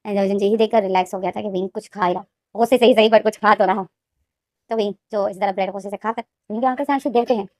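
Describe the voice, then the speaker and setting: A woman casually retelling a fan-fiction story, talking rapidly and repeating names and phrases. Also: mid-range voice, steady tone, darkish tone, no echo, clean studio sound.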